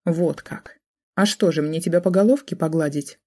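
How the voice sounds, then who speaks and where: A woman's voice: lowish voice, normal speed, darkish tone, close to an everyday voice. A woman voicing a cold, scornful middle-aged mother who talks with sarcastic contempt.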